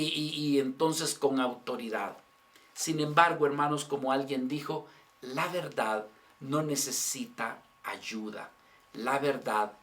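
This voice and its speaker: A man preaching a church sermon, asking rhetorical questions of his brothers in the congregation and swinging from raised lines to hushed endings. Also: medium pitch. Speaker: pastor.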